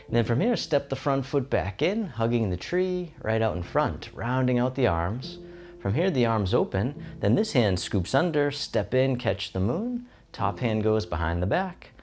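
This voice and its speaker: A man giving serene, gentle tai chi instruction in short, soothing guided movement cues. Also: mid-range voice, sing-song, moderate pace. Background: instrumental music.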